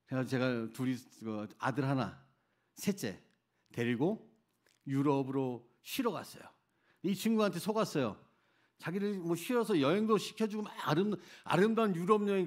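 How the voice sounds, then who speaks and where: A middle-aged man, a missionary preacher, telling a personal testimony in a sermon, swinging from loud outbursts to hushed near-whispers. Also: sits high. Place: church sanctuary.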